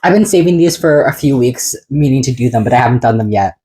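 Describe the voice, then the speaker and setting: Low-pitched excitable woman podcaster. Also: quick pace, rough recording. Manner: rambling, excitable, swearing. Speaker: podcast co-host. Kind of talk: casual chat.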